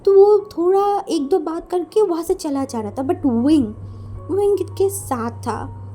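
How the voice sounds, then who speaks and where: A woman's voice: very high-pitched, measured pace, mellow, soft background music. A woman casually narrating a romance fan story, mixing in English words and acting out the dialogue. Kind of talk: narrating fan fiction, voicing characters in dialogue.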